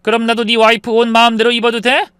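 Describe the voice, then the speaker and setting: A man voicing an indignant older mother-in-law in a story, protesting in sharp outbursts. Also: very high voice, monotone, fast, smooth, dry recording, studio quality, pitched above the performer's own voice. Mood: bitter.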